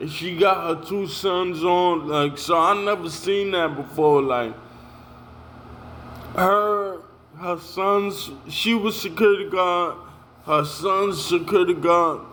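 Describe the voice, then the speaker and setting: A man's voice: sits high, slow pace, a bit bright, a little hiss or hum. A young man telling a heated story about being pushed out of a job, in a casual rant full of slang and repeated "yo". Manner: heated, repetitive, street slang, says "yo" a lot.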